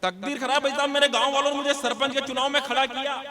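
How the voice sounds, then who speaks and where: A high-pitched man tells comic stories from a live stage. His voice is bright and forceful, folksy and playful as he acts out every character in his tales. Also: steady tone, fast. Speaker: comic poet. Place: live stage before audience.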